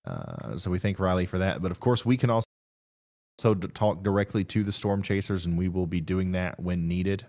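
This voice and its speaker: A man hosting a live severe weather stream, talking through radar updates in a halting, thinking-aloud way. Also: low-pitched, expressive, creaky, darkish tone.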